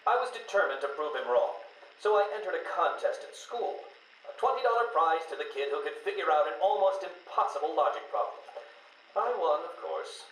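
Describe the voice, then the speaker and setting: An actor playing a smug, arrogant genius villain in a game, theatrical and precise with drawn-out emphasis. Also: male voice, fairly high pitch, animated, a bit bright, roomy sound, a little hiss or hum, poor audio. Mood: bitter. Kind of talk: video game voice acting.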